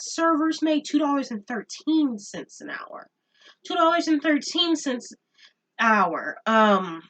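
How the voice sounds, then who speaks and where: A woman's voice: fairly high pitch, a bit bright, distant mic. A young woman ranting in a casual home vlog, exasperated and repeating her points for emphasis. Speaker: vlogger. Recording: voice a bit off-mic.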